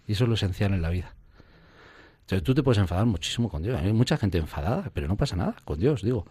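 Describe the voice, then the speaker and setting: A man's voice: fairly low pitch, lively intonation, brisk, long pauses, warm tone, breathy edge, dry recording, studio quality. A man, a priest, telling his spiritual experiences in an interview, acting out scenes with little sound effects and quoted voices. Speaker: priest guest. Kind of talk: reflective spiritual conversation.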